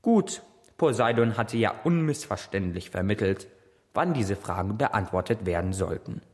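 Man narrating a story, low voice, slow and dramatic, bit of hall reverb. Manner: expressive, theatrical first-person telling.

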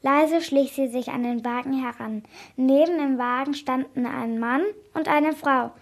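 A woman with a high voice reads a children's story aloud. Her reading is clear and expressive, and she keeps a steady storybook rhythm. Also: unhurried.

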